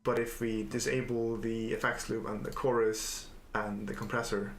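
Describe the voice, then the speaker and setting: A man calmly and methodically walking through a software tutorial he made, with the odd filler "uh". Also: fairly low pitch, moderate pace, over music. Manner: calm, methodical explaining with filler uhs. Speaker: software developer demonstrating his editor. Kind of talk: screen-recorded software tutorial. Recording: echoey room, faint noise.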